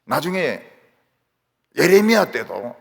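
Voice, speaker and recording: A male pastor with a Gyeongsang accent preaching a sermon in a church, telling stories in an animated way and acting out the voices he quotes. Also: a little high, takes it slowly, gravelly, breathy edge. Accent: Gyeongsang Korean. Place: church sanctuary. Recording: reverberant church hall.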